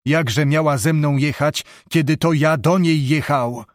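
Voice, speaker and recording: A man voicing an old wounded knight, speaking gravely and slowly with a heavy, distraught manner. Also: on the high side, dry recording, studio quality, close to an everyday voice. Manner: grave, heavy, slow-spoken.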